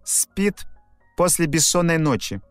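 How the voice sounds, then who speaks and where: A man doing a teasing, high-voiced old village joker. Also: lively intonation, takes it slowly, dry recording, faint music behind. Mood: excited. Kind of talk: audiobook reading.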